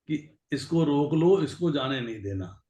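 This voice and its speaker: A man's voice: a little high, expressive, a little slow, mellow. A man leading a scripture class, asking students questions and repeating short phrases to make his point. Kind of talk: explanatory lecture with questions to students. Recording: echoey room sound.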